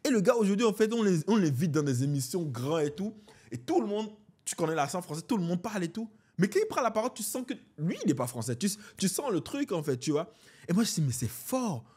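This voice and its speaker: A man in his twenties from Benin talks fast in a high, slightly rough voice with a Beninese French accent. As a podcast guest he chats casually, animated and slangy, repeating "en fait, tu vois" again and again.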